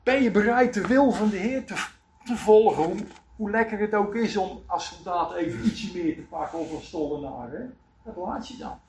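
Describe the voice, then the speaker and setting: A man preaching a sermon, telling Bible stories with lively acted quotes. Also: sits high, normal speed, slight background noise. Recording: echoey room, voice from far off.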